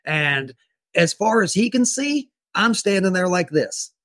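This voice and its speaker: On a podcast, a high-voiced male guest animatedly recounts a tense police encounter from his self-defense story, acting out his own quoted lines. He halts, restarts, and repeats words often, and the recording is dry.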